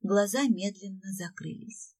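A woman narrating a first-person audiobook with a dramatic, expressive reading. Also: mid-range voice, unhurried.

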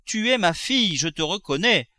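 Picture a greedy old miser in his seventies , voiced by a male narrator, cackling and crooning over his gold in a lively, swooping voice. He wheedles and cajoles, then turns excitable and shrill. The sound is close and dry, with no room around it. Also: moderate pace, no room sound. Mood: gloating. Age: 70s.

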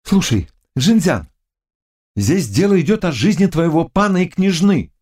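A small knight speaks in a calm, firm voice set a little higher than plain speech, as a male audiobook reader puts him on. He stays steady and measured. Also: husky, full character voice. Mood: questioning.

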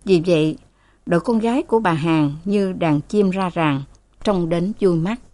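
A woman narrating a story in a steady storytelling manner, voicing its characters. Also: fairly low pitch, a little slow, dry recording.

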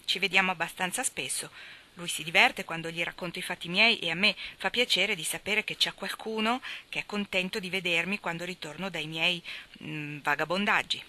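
A restless, easygoing young traveler from an audiobook novel chats in relaxed, unhurried replies, as a woman reads his lines. The tone stays bright and sharp. It is not pitched far from the reader's own.

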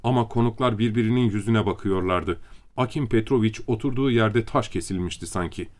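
A man narrating an audiobook in even storytelling tone. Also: on the low side, a little fast. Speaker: audiobook reader. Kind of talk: scripted narration.

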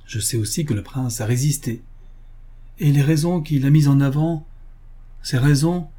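A man voicing a noble young countess, grave and self-sacrificing, speaking in an earnest, measured, solemn way. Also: mid-range voice, warm tone, voice pushed up, lightly acted. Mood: fervent.

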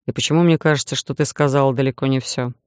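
A woman voicing a bossy, jealous young man in a romance audiobook, gruff and grumbling. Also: extremely low pitch, steady tone, quick pace, darkish tone, dry recording, studio quality, voice pushed down.

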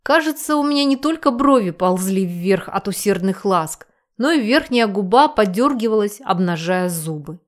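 A woman narrating a first-person audiobook with an expressive reading. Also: medium pitch, moderate pace.

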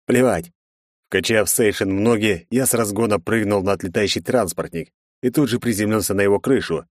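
Low-voiced man narrating an action audiobook. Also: fairly quick, dry recording, studio quality. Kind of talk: first-person audiobook narration.

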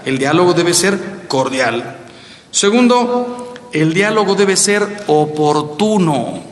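A middle-aged Mexican man with a Mexican accent, a priest giving a playful, animated talk on marriage to a large audience. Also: high-pitched, slow pace. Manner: animated, playful storyteller, acts out quotes. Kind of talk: lively talk on marriage with jokes. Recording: echoey hall with faint ambience.

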